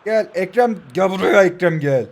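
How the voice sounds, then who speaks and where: A young Turkish man in his 20s plays mobile football and narrates live, his high voice gravelly with lively intonation at a moderate pace. He gets heated, pushing his players forward and taunting the other side.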